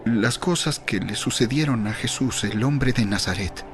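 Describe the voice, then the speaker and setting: A male actor plays a sorrowful disciple in a Bible audio drama. His medium-pitched voice is earnest and measured, with faint music underneath. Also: lightly acted. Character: sorrowful male disciple recounting dashed hopes.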